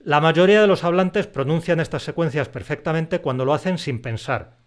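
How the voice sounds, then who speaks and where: A man giving a clear, explanatory language lesson, slowing down to stress example words. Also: fairly high pitch. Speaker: Spanish language teacher.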